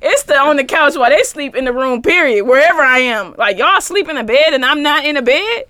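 A woman's voice: high voice, expressive, brisk, pushed and bright, no room sound. A young woman co-hosting a podcast in casual chat, blunt and profane, laughing often. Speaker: podcast co-host.

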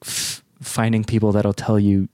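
Animated male guest, dry close sound. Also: on the low side, smooth, no echo. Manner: animated, quick bursts, laughs easily. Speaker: guest artist. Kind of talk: conversational interview.

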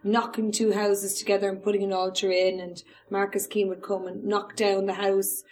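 A woman with an Irish accent telling local history as an informal storyteller, pausing hesitantly as she goes. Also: medium pitch, level tone, a little mellow, a little hiss or hum.

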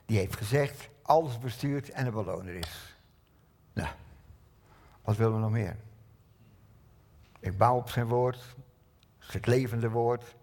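An older man preaches a sermon in a church hall, with a gravelly edge to his voice. He talks straight to his listeners in a lively way and keeps asking them rhetorical questions. His tone is husky and sits at a middle pitch.

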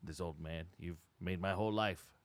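A man improvising a desperate older coffin salesman, emotional and swinging from giddy to gloomy, with a lively pitch. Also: normal speed, clean tone. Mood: mournful. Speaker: improv performer.

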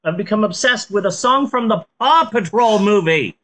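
A woman chatting casually as a comedic podcast host in a stoned, rambling drawl, swearing freely and joking deadpan. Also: mid-range voice, moderate pace.

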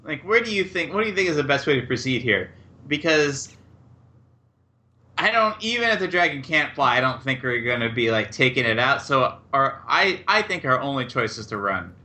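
A man's voice: medium pitch, very animated, moderate pace, pushed and bright. A man chatting casually as a player in a tabletop game.

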